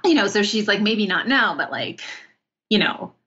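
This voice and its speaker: A woman with a medium-pitched voice speaks at a normal pace as a guest in a casual interview chat. She tells stories in an animated, rambling way, packed with "like" asides. The high frequencies are cut off.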